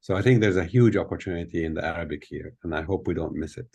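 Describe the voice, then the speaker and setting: A man's voice: deep voice, fast, gravelly, a little mellow, breathy edge. An older man born in Tunisia, explaining things thoughtfully with many fillers as a guest speaker on a video call from a hotel room. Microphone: laptop webcam on video call.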